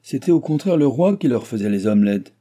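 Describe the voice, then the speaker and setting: A man's voice: mid-range voice, expressive, a little fast, mellow, voice pushed up, lightly acted. A man voicing a choleric, sarcastic old nobleman who has lost his fortune, talking in a blustering, mocking way. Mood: indignant.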